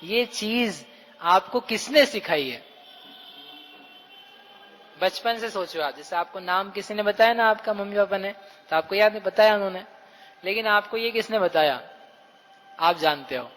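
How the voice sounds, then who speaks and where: A man's voice: sits high, unhurried, pauses often, fairly bright tone, long reverb tail, slight background noise, rough recording. A man giving a Jain scripture discourse to a live audience, asking questions and acting out everyday speech. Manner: questioning, addresses listeners directly; acts out quoted everyday speech. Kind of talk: religious discourse.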